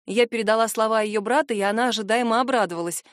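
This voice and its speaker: A woman reading a first-person fantasy novel aloud, expressive and lively in dialogue. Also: fairly high pitch, fast, no echo, studio quality. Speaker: audiobook narrator.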